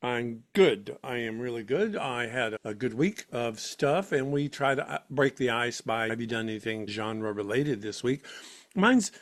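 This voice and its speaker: A man's voice: medium pitch, expressive, normal speed. A man co-hosting a podcast, enthusiastic and prone to stammering and restarting sentences. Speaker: podcast co-host. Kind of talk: casual chat.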